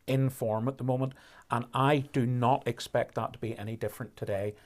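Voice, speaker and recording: A man commentating on a rally live stream, explaining conditions in a measured way with fillers and restarts. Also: mid-range voice, fairly even intonation.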